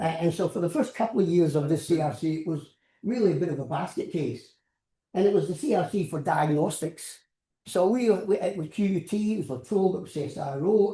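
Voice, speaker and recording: Speaking in a slightly high, warm voice, an older Scottish professor gives a loose, informal science lecture full of rambling anecdotes and repeated words. The sound is spacious and echoey, like a lecture hall.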